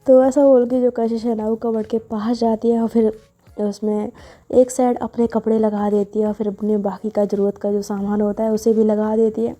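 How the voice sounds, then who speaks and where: A woman's voice: mid-range voice, dark tone. A woman narrating a love story in a casual, conversational way, often adding a filler 'na'.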